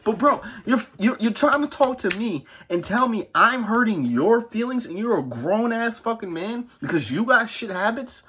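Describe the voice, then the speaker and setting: Heated, husky-voiced young man ranting. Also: high voice, animated, normal speed, hardly any pauses, pushed and bright. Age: 20s. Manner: confrontational, heated, swears constantly. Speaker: vlogger. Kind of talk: profane motivational rant. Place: his parents' house.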